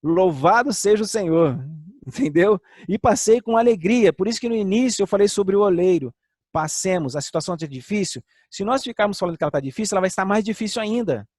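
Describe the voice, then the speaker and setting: An older man preaching a sermon with personal testimony, earnest, sinking to soft lows and rising to emphatic highs. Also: lively intonation, fast, no echo, studio quality.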